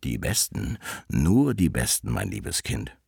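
Man doing a low, sly wolf. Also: wildly swooping pitch, creaky, a little mellow, slightly rough, no room sound, studio quality, full character voice. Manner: slow, honeyed, deceitful. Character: sly scheming male wolf, deep and smooth.

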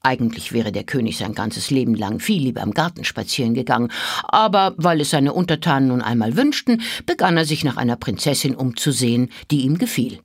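A woman reading a children's story aloud with an expressive, melodic storybook delivery. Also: extremely low pitch, creaky, slightly rough, dry recording, studio quality.

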